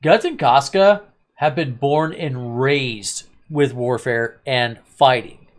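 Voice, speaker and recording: The anime review host speaks slowly here, his pitch medium. He rambles through casual, opinionated commentary with some sarcasm.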